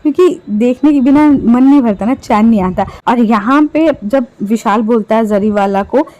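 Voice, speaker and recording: A woman's voice: on the high side, normal speed, warm tone, highs cut off. A woman giving casual, sarcastic gossip commentary on reality show clips, taunting the people she talks about.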